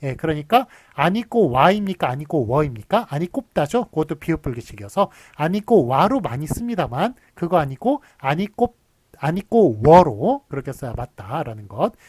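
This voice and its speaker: A man's voice: a little high, big pitch swings, brisk, a little mellow, dry recording. A man from giving a recorded university lecture, explaining patiently with many fillers and restarts and drawing out his examples. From Seoul.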